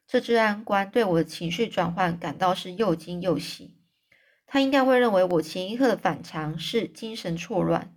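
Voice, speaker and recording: A woman's voice: on the low side, moderate pace. A woman reading a novel aloud as a storyteller, stopping often to explain difficult words in plain terms.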